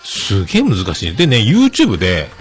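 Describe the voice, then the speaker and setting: Soft music plays behind a middle-aged man running a laid-back solo podcast. He reads listener notes, chats, and laughs frequently. His pitch swings hugely at a moderate pace, and he rises into falsetto when showing how to sing.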